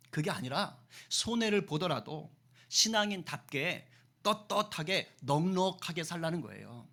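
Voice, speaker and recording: Male pastor, sermon delivery, high bright tone, animated and questioning. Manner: animated preaching with acted-out quotes and rhetorical questions.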